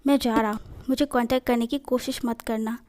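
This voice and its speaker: A woman's voice: on the high side, steady tone, fairly quick, a little mellow, lightly acted. A woman doing a curt, dismissive man. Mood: cold. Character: cold, dismissive man ending a relationship.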